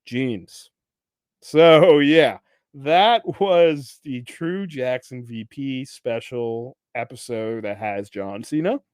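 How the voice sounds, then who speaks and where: With a slow pace and clean tone, a young man casually goes over TV episodes on his podcast. He's animated, laughing frequently and acting out lines from the characters with jumps in pitch and volume. The recording is dry and of studio quality.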